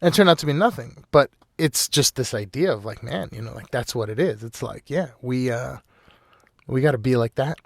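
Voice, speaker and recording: A man's voice: medium pitch, animated, a little fast, vocal fry, no echo, studio quality. A man hosting a casual solo podcast, rambling loosely with lots of "you know" and frequent laughs. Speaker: podcast host.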